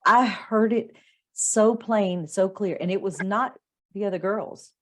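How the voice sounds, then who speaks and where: A woman co-hosting a podcast, telling a story in lively casual chat and acting out the lines she quotes. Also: mid-range voice, takes it slowly. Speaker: podcast co-host.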